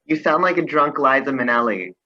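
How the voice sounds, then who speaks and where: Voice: medium pitch, animated, a little fast, lo-fi sound, crowd noise, lightly acted. An actor playing Max, a wry, sarcastic seventeen-year-old son, in a play reading over a video call. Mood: dry. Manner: dry, sardonic.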